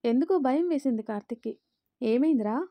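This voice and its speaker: A woman narrates a family drama in a steady, expressive storytelling manner. Her voice sits fairly high with a mellow tone. The sound is close and dry. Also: moderate pace, dry recording.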